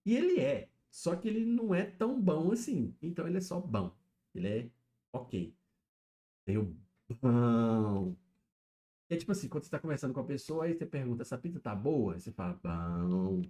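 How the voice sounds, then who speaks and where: A man's voice: medium pitch, big pitch swings, moderate pace, mellow. A man chatting casually alone on a live stream, explaining things and checking in with his viewers. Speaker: YouTube streamer. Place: home setup, alone.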